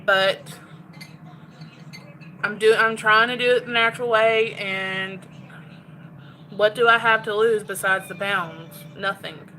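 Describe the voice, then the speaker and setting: A woman's voice: mid-range voice, steady tone, slow pace, pauses often, sharp tone, slight background noise, poor audio. A woman chatting candidly to her phone while cooking in her home kitchen. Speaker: cooking vlogger. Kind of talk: casual chat while cooking.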